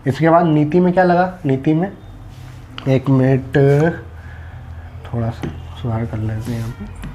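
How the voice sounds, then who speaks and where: A man's voice: medium pitch, steady tone, measured pace, pauses often, mellow, a little hiss or hum. A man teaching a Hindi spelling lesson for exam students, explaining step by step and answering his own questions.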